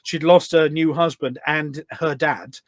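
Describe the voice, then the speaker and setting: Background noise sits under this middle-aged man's voice, which is on the high side, with fairly even intonation and a measured pace. A volunteer event organiser and podcast guest, he talks casually and at length in a conversational interview, telling anecdotes as he explains.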